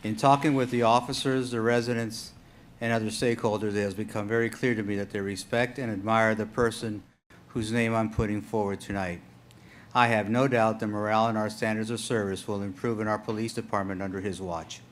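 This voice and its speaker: A man's voice: on the low side, steady tone, fairly quick. A man speaking as a city manager, delivering a prepared formal speech over a meeting room microphone. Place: indoor public meeting room. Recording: meeting room mic with clear background noise.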